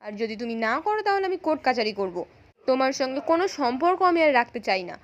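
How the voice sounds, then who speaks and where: A woman's voice: high voice, sing-song, fast, lo-fi sound. A woman voicing a firm young wife demanding a divorce as she retells a serial episode. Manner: firm, insistent.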